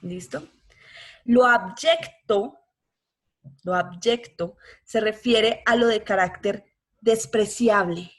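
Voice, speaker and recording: A woman's voice: medium pitch, slow, long pauses. A woman teaching a law class, explaining patiently and often checking whether students follow. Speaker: law lecturer.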